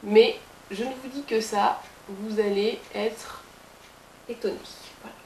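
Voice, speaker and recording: A woman's voice: on the high side, fairly even intonation, takes it slowly. Woman, beauty blogger, casual makeup tutorial, playful asides, roomy sound, faint hiss. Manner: chatty, playful asides to viewers.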